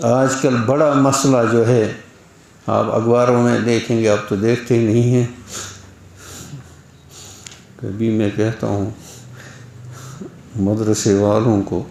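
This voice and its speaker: A man preaches an Islamic lecture, his dark, mellow voice carried through a roomy, echoing hall. He talks conversationally and keeps putting rhetorical questions to his listeners. Now and then he mimics how other people talk. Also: lowish voice, fairly even intonation, vocal fry. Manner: mimics others' speech in quoted asides. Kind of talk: Urdu religious lecture.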